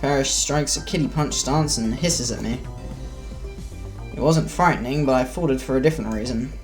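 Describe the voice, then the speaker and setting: A man's voice: medium pitch, normal speed, darkish tone, faint music behind. A man streaming a game who reads visual novel text aloud and breaks off into muttered asides, while feeling sick.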